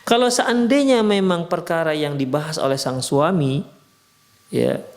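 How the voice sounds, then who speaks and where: A man with a Medan Indonesian accent giving an Islamic marriage lecture in a mosque, lively and conversational, briefly acting out husband and wife and explaining Arabic texts. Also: on the high side.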